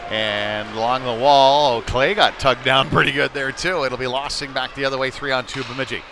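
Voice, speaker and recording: Calling a hockey game live for a local stream, this man uses a steady, mid-range voice and talks a little fast in short, running phrases as play unfolds. The broadcast comes from an indoor rink mid-game, with loud arena noise throughout.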